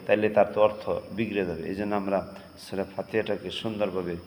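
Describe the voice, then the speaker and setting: A man teaching Quran recitation in a religious lesson, breaking the verses into slow, drawn-out chanted phrases. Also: on the low side, level tone, darkish tone, long reverb tail, slight background noise.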